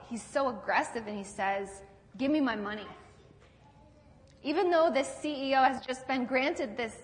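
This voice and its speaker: A woman pastor preaches in a relaxed, storytelling manner, turning to rhetorical questions for her congregation. Her voice sits a little high. A long reverb trails behind her words in the church. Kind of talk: sermon.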